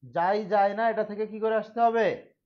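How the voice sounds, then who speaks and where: High-voiced man teaching grammar, lo-fi. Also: fairly even intonation, normal speed. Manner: repeats questions to students, drills answers. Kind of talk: casual classroom lecture. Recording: dull lo-fi sound.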